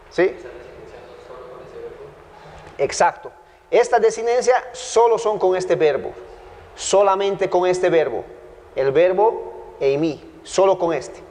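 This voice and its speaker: A Bolivian man with a high voice gives a classroom lecture on biblical Greek grammar. He is patient, repeats his points and often stops to ask whether the class follows. His voice trails off into a long reverb. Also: takes it slowly, pauses often, darkish tone. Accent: Bolivian Spanish.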